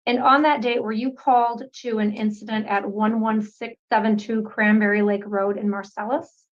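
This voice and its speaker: A woman prosecutor questioning a witness in a plain, businesslike way. Her fairly high voice comes through a dull, muffled courtroom recording. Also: fairly even intonation, normal speed.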